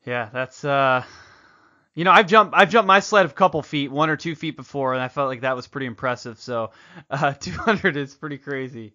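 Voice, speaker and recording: A man hosts a podcast in a friendly, easygoing way, quick to laugh and full of fillers. His voice is bright, and the recording sounds a bit dull and lo-fi. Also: mid-range voice. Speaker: podcast host. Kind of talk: casual podcast interview.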